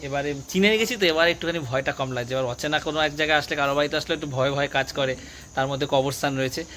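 A man's voice: on the high side, fast talker, bright, forceful tone, a little hiss or hum. A young man, vlogging as he walks down a rainy street at night, anxious as he talks to the camera. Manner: anxious, talking to the camera while walking. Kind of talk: casual vlog narration.

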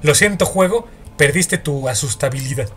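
A young man with a Mexican Spanish accent plays a horror game and talks it through for his viewers. His voice sits a little high, and he jumps, curses and mutters to himself as he goes. Faint game music runs behind him. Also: lively intonation, moderate pace, a bit bright. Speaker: gaming YouTuber. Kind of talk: horror game let's play commentary.

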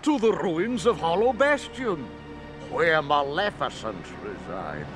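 An actor playing a pompous, theatrical pirate captain villain in a game cutscene, blustering and then panicky. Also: male voice, a little high, very animated, slow, over music. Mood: menacing.

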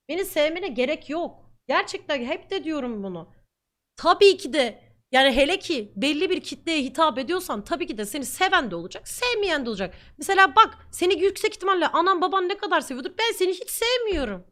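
A woman's voice: sits high, fairly bright tone. A woman streamer reacting to comments in a blunt, defiant and talkative way.

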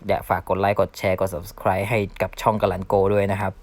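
A man's voice: low-pitched, flat delivery, a little fast, no room sound. A man casually explaining a mobile game move by move, chatty, calling out taps with sound words and swearing at his own slips. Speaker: game tutorial host. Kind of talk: casual gameplay tutorial. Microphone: phone mic.

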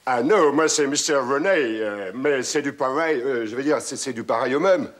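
A man's voice: mid-range voice, normal speed, lightly acted. An actor playing an eager man who stumbles over his words while trying to charm a visitor, in a sitcom. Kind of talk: sitcom acting.

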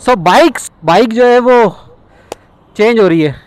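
A young man recording a riding vlog on a motorcycle. He chats casually and excitedly, mixing English into his speech. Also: extremely high pitch, a little slow, clear, resonant tone, low-quality recording. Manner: chatty, excited, mixes English into Hindi. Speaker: motovlogger. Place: outdoors on a moving motorcycle on city roads. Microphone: action camera with external mic on a helmet. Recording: wind and traffic noise. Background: engine, wind and traffic.

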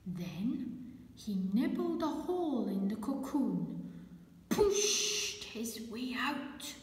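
Woman, children's storyteller, very animated intonation, expressive read-aloud, deliberate phrasing, reverberant echoey room. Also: a little high. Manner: expressive, slow, deliberate phrasing with questions to young listeners.

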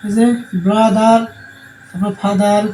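A man's voice: sits high, level tone, measured pace, warm tone, soft background music. A male teacher, giving a classroom lesson and answering his own questions over and over. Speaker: English teacher. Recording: roomy sound with faint background noise.

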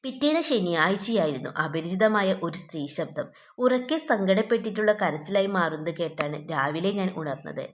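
Woman, teacher, lowish voice, reads a story aloud, explains it to students. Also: expressive, moderate pace. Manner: addresses students directly with questions.

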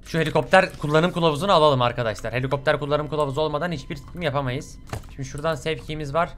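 A young man commentating his own horror game playthrough, swearing often, bursting into yells and slipping into English curses. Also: on the high side, very fast. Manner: excitable, swears a lot, sudden yelling outbursts. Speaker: gaming channel host. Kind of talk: let's play commentary.

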